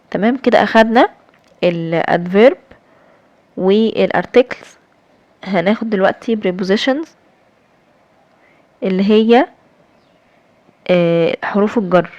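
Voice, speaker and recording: A woman's voice: medium pitch, a little mellow, no room sound, dull audio. A young woman with an Egyptian Arabic accent, explaining English grammar step by step in a recorded lesson, with many fillers and check-ins. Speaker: English teacher.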